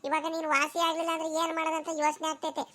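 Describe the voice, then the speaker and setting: A woman's voice: high voice, level tone, racing, a bit bright. A woman voicing a young village woman in a cartoon, scolding her sweetheart with dramatic sighs. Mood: worried. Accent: Karnataka rural Kannada. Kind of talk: cartoon voice acting.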